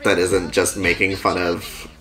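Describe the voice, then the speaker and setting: A man's voice: low-pitched, flat delivery, unhurried. A young man talking as a sassy drag queen, giving casual, blunt and opinionated reaction commentary. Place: living room at a table with a couch. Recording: loud music playing behind the voice. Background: music from the videos being watched.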